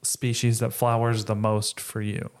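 A woman hosts a casual podcast chat with an unusually deep voice. She moves things along with plain, matter-of-fact questions. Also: little pitch movement, unhurried, darkish tone. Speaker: podcast host asking questions.

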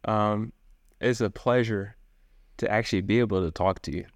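A man's voice: lowish voice, steady tone, moderate pace, no room sound. A man being interviewed as a guest, talking in a casual, chatty way with lots of "you know" and "man". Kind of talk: casual conversation.

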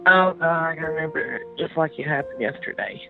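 A woman, the victim's sister, recounting a painful family memory in a halting way, repeating words as she goes. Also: sits low, creaky, soft background music. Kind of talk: emotional recalled account. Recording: tinny phone-like audio.

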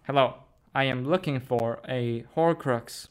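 A performer voicing a wise old male wizard headmaster, speaking slowly in a lowered, solemn voice, in pretend play with a small child. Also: close to an everyday voice.

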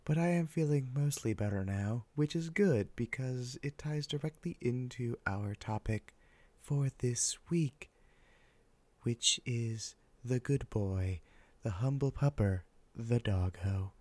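An older man hosting an ASMR podcast, speaking softly and whispering close into the ear in a wry, deadpan ramble. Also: mid-range voice, slow pace, no echo. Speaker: podcast host. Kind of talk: soft ASMR podcast monologue.

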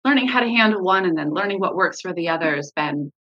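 A woman's voice: fairly low pitch, expressive, quick pace, fairly bright tone, dull audio. A woman, a mother, talking candidly in an interview about her parenting, with many fillers and restarts. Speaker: parent guest sharing her story.

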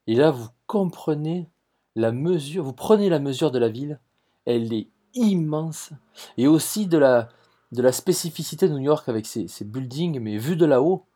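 A man's voice: medium pitch, lively intonation, normal speed, warm tone, breathy edge. A podcast host with a Marseille accent who tells travel stories enthusiastically, repeats words and restarts his sentences, and talks straight to his listeners. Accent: Marseille French. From southern France. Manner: enthusiastic, addresses listeners directly. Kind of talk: travel storytelling.

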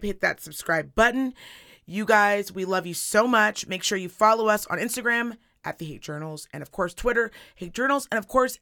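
A woman co-hosting a casual podcast, her voice hoarse, raspy and strained as if nearly gone, talking bluntly with plenty of slang. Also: medium pitch, bright, forceful tone. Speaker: podcast co-host. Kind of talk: casual chat. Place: studio.

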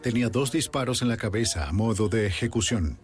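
A man's voice: fairly low pitch, animated, brisk. A man narrating a crime documentary in a dramatic, scripted style. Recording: music bed under the voice. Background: dramatic background music.

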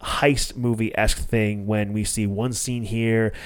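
A low-voiced man hosts a casual podcast, recapping a movie scene by scene. He rambles and restarts his sentences often, dropping curse words freely. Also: flat delivery, slow. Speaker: podcast host.

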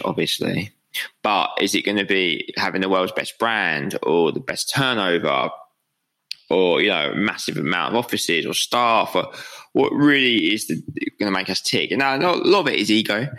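A man's voice: deep voice, pushed and bright, rough recording. A young British man hosting a podcast, rambling and self-deprecating in a casual motivational monologue, a little hungover and swearing freely. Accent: British English. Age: young adult. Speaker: podcast host.

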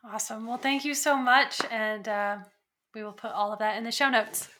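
A woman's voice: fairly high pitch, normal speed, pushed and bright, slight background noise. A woman hosting a podcast interview, asking enthusiastic questions with many fillers. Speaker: podcast host.

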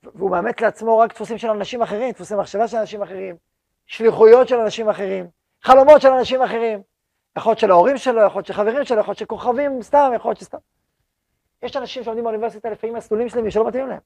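A man's voice: high-pitched, gravelly, darkish tone, no echo. A man, the head rabbi of a yeshiva, giving a lecture to his students and repeating words for emphasis.

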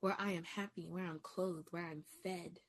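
A woman in her twenties gives a reflective personal monologue in a preacher-like style. She makes emphatic declarations with call-and-response asides, then drops to soft, hushed affirmations. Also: fairly low pitch, steady tone, moderate pace. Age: 20s. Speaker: podcast host.

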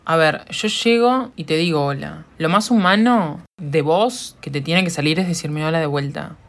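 A woman's voice: low voice, normal speed. A woman with a Uruguayan accent hosting a solo podcast, rambling and joking, answering her own questions and laughing often. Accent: Uruguayan Spanish. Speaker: podcast host. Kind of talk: casual solo podcast chat.

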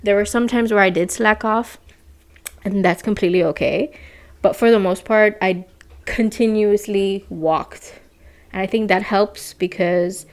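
A young adult woman from the Caribbean, heavily pregnant and a little out of breath, chatting casually on her podcast with lots of "like" and "you know". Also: mid-range voice. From Saint Martin, Caribbean. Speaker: podcast host. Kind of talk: casual personal update.

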